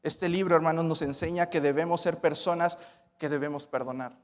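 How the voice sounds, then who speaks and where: A male pastor preaching a sermon, swinging between loud emphatic lines and hushed ones. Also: fairly high pitch, fairly even intonation, fairly quick. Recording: church hall reverb.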